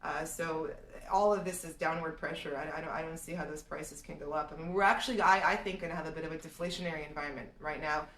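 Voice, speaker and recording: A real estate analyst from Serbia, live streaming, fields market questions from viewers, often restarting as she thinks aloud. Her low, steady, slightly bright voice runs fast with hardly any pauses, and the echoey recording catches her off-mic.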